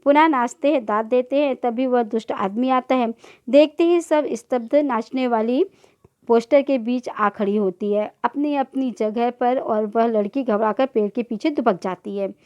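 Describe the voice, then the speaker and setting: A woman's voice: fairly high pitch, a little slow, a little mellow, clear, resonant tone. A woman teacher reading a children's play aloud to a class, voicing each character's lines in turn. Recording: dull lo-fi recording.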